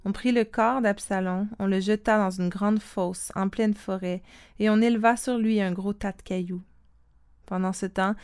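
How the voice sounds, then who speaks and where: A woman reads a Bible story aloud in a calm, steady, scripted way. Her voice is smooth and resonant, sitting at an ordinary middle pitch. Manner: calm steady reading with quoted speech.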